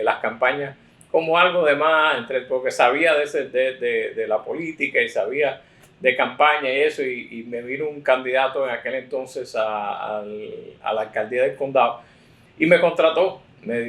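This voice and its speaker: A man's voice: mid-range voice, a bit bright. Man in his sixties, rambling. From United States. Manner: rambling, frequent self-corrections and fillers. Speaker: political consultant, guest. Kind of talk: interview, relaxed storytelling. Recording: roomy echo.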